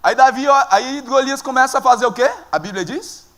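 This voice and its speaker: A male pastor with a Brazilian accent, preaching a sermon in an animated, joking storytelling manner. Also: extremely high pitch, a little fast. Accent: Brazilian Portuguese.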